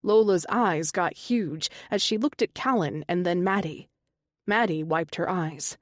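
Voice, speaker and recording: A woman's voice: on the low side, unhurried, no room sound, clean studio sound. A woman narrating a romance audiobook, reading every character herself with small shifts in her voice.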